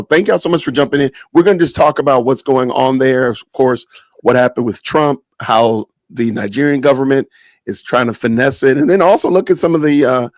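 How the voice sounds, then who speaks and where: A man's voice: mid-range voice, dry recording. A man hosting a live stream podcast, casual and joking, often saying "man" and "y'all", talking over a video call. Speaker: podcast host.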